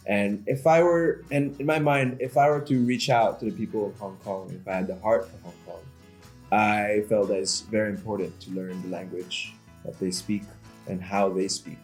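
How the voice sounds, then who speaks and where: A man's voice: on the low side, fairly even intonation, moderate pace, faint music behind. A man in his twenties from the Philippines, a native Tagalog speaker, talking thoughtfully and hesitantly as a guest. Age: 20s. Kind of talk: casual discussion.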